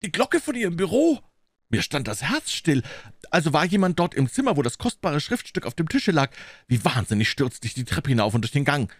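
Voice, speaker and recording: A man reading an old detective story aloud in the first person, with expressive delivery. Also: a little high, fairly quick, no room sound, clean studio sound. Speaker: audiobook reader.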